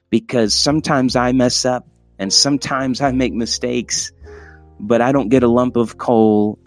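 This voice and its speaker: Man, young adult, podcast host, preacher-style delivery, emphatic, home recording, faint music. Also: medium pitch. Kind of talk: casual sermon-style podcast talk. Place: home, by the Christmas lights.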